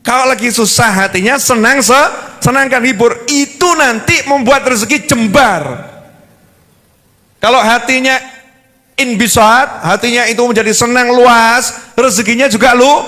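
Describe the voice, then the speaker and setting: A man preaching an animated sermon, often throwing rhetorical questions at his listeners. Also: very high-pitched, measured pace. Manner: animated, keeps asking the crowd "right?". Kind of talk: lively sermon. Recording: long hall reverb.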